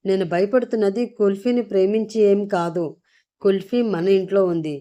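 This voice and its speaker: A woman voicing an anxious young man who talks in a worried, hurried way. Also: medium pitch, fairly even intonation, warm tone, close to an everyday voice.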